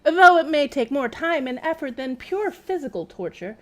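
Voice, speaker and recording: With game music playing behind her, a high-voiced woman streams a video game at a moderate pace. She reads the in-game text aloud and comments wryly, in a chatty, expressive way.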